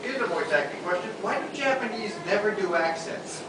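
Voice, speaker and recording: A man with a somewhat high voice asks a panel a question in a plain, curious way. He is distant from the mic. The big hall echoes and hums with noise. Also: animated, a little fast. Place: large convention hall. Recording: echoey hall recorded from far off, noisy.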